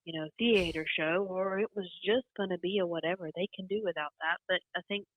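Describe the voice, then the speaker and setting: A country singer from North Carolina talking on a telephone line in a casual interview, chatty and quick to laugh. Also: female voice, on the low side, no echo. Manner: chatty, laughs often between points. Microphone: phone. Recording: dry, tinny telephone line.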